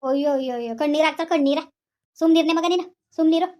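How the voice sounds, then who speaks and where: Shrill fast-talking village granny, quarrelsome and scolding, a woman doing her. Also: fairly even intonation, lightly acted. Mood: indignant ranting. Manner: scolding, ranting, appeals to listeners. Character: fiery elderly village grandmother, quarrelsome and indignant. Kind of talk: village comedy skit.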